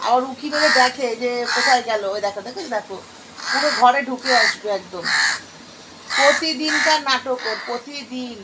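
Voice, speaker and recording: A woman's voice: sits high, moderate pace. A woman vlogging at home, coaxing and scolding a crow into eating while chatting to her viewers. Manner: coaxing, scolding a bird between remarks to viewers. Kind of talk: casual vlog talk, feeding a crow. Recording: loud background noise with crow caws.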